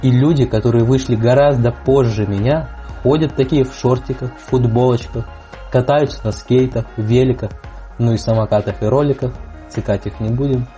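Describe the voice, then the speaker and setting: A young man with a mellow, relaxed voice at an average pitch. He tells a wry, anecdotal weather report over light background music. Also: moderate pace. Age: young adult. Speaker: weather correspondent. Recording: music playing under the voice.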